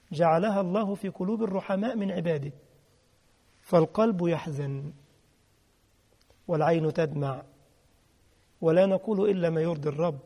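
A man with a high, creaky, warm voice and an Egyptian Arabic accent preaches a sermon with emphasis, repeating key phrases and quizzing his listeners. A long hall reverb surrounds the recording.

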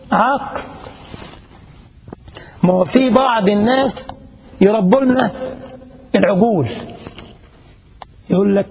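A man's voice: high voice, gravelly, darkish tone, slight background noise. A middle-aged man with an Egyptian Arabic accent, preaching a sermon, telling stories and asking the congregation rhetorical questions with emphasis. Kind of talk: mosque sermon with storytelling.

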